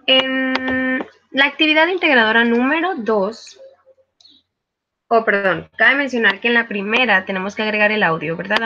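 A woman's voice: fairly high pitch, bright, forceful tone, lo-fi sound. A woman, a virtual tutor giving a live online class, explaining patiently with frequent hesitations. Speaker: virtual tutor teaching English.

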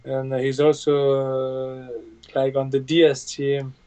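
Bosnian man talking flat over a video call. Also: medium pitch, smooth. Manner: plain halting speech with many fillers. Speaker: UFC fighter guest. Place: home room indoors. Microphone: video call webcam. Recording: dull lo-fi video call audio.

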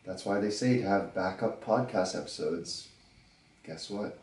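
This podcast host sounds on the low side and congested from a cold as he casually takes listener questions alone, cracking jokes and pausing to think out loud. It's a rough recording with a roomy sound, captured far from the mic.

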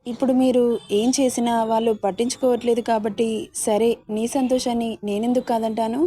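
A woman playing a gentle, loving aunt. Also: fairly high pitch, little pitch movement, fairly quick, slightly rough, dry recording. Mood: tender. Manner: gentle, tender. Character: middle-aged woman, gentle, affectionate aunt.

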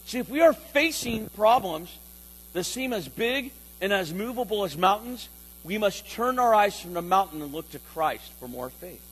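A man's voice: high voice, expressive, normal speed, a bit bright, slightly rough, rough recording. A man preaching a sermon as pastor, emphatic, repeating key lines and calling for responses from the congregation.

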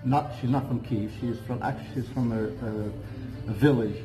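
This low-quality recording captures a casual interview chat with background music, set indoors at a hotel cafe with large windows. The guest, a Portuguese-accented man in his sixties from Portugal, speaks at normal speed with medium pitch, rambling through hesitations and restarts.

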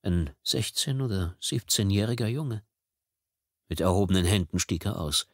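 Deep-voiced man narrating a thriller audiobook. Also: lively intonation, moderate pace, dry recording, clean studio sound. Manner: tense, dramatic storytelling. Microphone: studio microphone, close.

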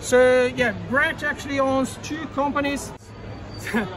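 A man in his thirties, hosting his channel in an indoor expo hall, talking excitedly in loose, rapid phrases. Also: extremely high pitch. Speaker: channel host. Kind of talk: casual expo walkthrough. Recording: crowd noise behind.

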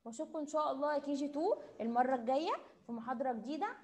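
High-voiced Egyptian kindergarten teacher. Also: female voice, crowd noise. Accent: Egyptian Arabic. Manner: slow, drawn-out prompting questions with cheerful praise. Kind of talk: online class for young children. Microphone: computer mic on a video call.

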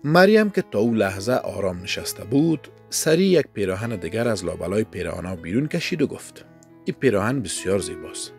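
Man, Afghan Dari accent, scripted story narration, measured, animated intonation. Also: lowish voice, creaky, faint music behind.

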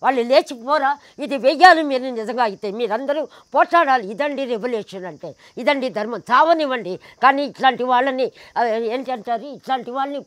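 A woman's voice: high voice, brisk, no room sound. A woman in an interview, telling a personal story with emphasis, acting out the people in it and firing off indignant rhetorical questions. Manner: acts out the people in her stories.

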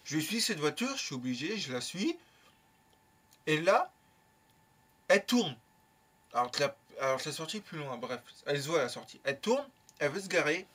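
A young man telling a casual story in a lively, slangy way, with plenty of swearing. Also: a little high, normal speed, long pauses. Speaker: YouTuber.

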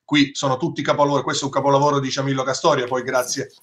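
A man hosting a relaxed chat, steering the talk and describing photos as he goes. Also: mid-range voice, rapid-fire. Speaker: host. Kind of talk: casual chat.

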